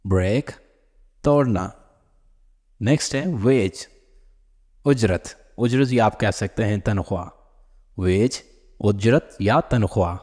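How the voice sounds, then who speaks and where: Slow, low-voiced man drilling word lists. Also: a little mellow, in a large hall. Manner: slow and repetitive, each word said twice with its meaning. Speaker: vocabulary teacher. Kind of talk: repetitive word-list lesson.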